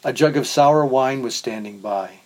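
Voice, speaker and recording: Male scripture reader, mid-pitched, steady and solemn. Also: normal speed, poor audio. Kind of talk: scripture reading.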